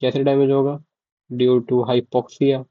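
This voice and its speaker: A man's voice: medium pitch, monotone, slow, no room sound. Young man, casual medical tutor, dull dry lo-fi recording. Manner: casual, asks "ok?" and repeats key terms to check understanding. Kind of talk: informal lecture explaining to students.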